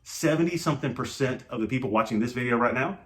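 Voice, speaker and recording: A man's voice: mid-range voice, fast talker. Earnest, encouraging male co-host. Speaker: marriage channel co-host. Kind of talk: casual chat.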